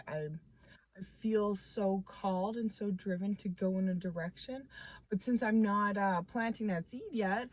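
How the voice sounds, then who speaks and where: A woman's voice: mid-range voice, darkish tone, highs cut off. A woman in her twenties chatting casually to the camera at home, rambling and restarting her thoughts with many fillers, playful and self-mocking. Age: 20s. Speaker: vlogger.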